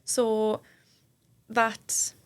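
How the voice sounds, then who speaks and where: A woman's voice: a little high, completely flat delivery, drawn-out words, clear, resonant tone. A woman guest on a podcast, telling a personal story with vivid feeling and acting out what people said. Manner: emotional, vivid retelling with quoted dialogue. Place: indoor studio room.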